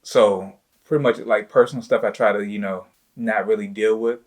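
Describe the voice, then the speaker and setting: A man with a fairly low voice hosts a relaxed conversation. He talks loosely and informally, with plenty of "you know" and "like" fillers, in an easygoing chat style. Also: moderate pace. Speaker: host, entrepreneur. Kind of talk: casual chat with his wife.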